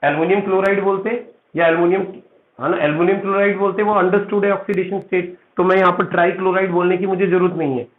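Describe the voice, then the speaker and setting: A male chemistry teacher with a high-pitched, steady voice talks fast through a classroom lecture, explaining step by step. He calls his students "beta" and checks in with "theek hai." The recording sounds echoey and tinny, like a phone.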